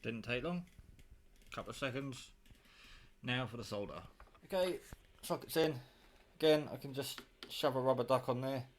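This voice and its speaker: With a medium-pitched voice at a moderate pace, a man shows off his hobby kit in a casual, hands-on way, muttering offhandedly to himself as he works. It's filmed on a handheld camera, with clear background noise and the clicks of handling audible.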